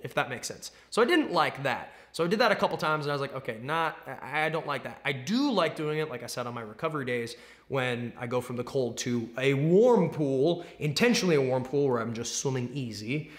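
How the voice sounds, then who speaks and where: A man talking casually as an athlete vlogger, explaining his routine in a conversational way and stressing words by repeating them. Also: fairly high pitch. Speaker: athlete vlogger, competitive swimmer. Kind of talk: casual explanatory vlog talk.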